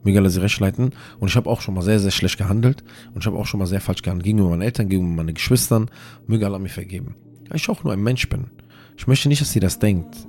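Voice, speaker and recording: A man's voice: fairly low pitch, a little mellow. A man hosting a religious audio series, giving earnest, repetitive advice in an informal way and mixing in Arabic religious phrases.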